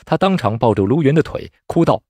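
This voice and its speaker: Husky-voiced male storyteller reading aloud. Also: medium pitch, brisk, no echo. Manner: expressive dramatic narration.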